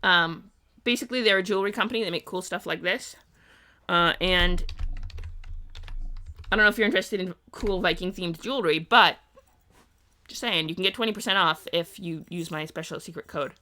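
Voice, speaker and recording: Sleepy, rambling woman streamer, bright voice. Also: on the low side, moderate pace, long pauses. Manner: rambling, many ums and uhs, thinking aloud. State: tired, sleepy. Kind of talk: casual live-stream chat. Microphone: streaming mic.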